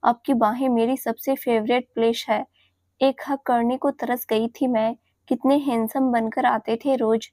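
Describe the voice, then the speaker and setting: A woman's voice: on the high side, little pitch movement, measured pace, dark tone, no echo, lightly acted. A woman voicing a playful, affectionate young woman in love, talking in a coaxing, teasing, sweet way.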